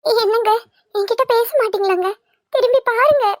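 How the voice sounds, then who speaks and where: A woman's voice: very high-pitched, a little fast, no room sound, clean studio sound. A woman voicing a cunning young wife who sweet-talks and pleads, for a cartoon. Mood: pleading. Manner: wheedling, pleading, sugary. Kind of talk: cartoon voice acting.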